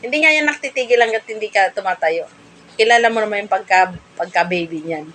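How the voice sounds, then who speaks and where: A woman's voice: mid-range voice, fairly quick. A young mother talking casually to her children at home, coaxing and playful, often laughing. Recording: home video with steady background noise.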